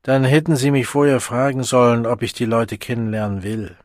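A man's voice: mid-range voice, flat delivery, brisk, no echo, clean studio sound, natural voice. A curt, scornful young man, read by a male narrator. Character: angry, scornful young man refusing to come.

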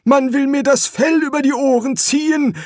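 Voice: high voice, normal speed, a little mellow, dry recording, studio quality, pitched above the performer's own voice, close to an everyday voice. A reader voicing a mild-mannered older male prisoner in an audiobook, polite and pleading. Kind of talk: audiobook character voice.

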